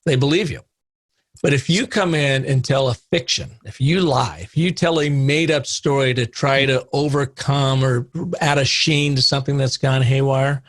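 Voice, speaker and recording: Middle aged guy telling a story on a podcast, acts out the quotes, mid pitch, super dry close sound. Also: normal speed, dry recording. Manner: animated anecdote teller, acts out quoted dialogue. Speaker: guest, storytelling consultant.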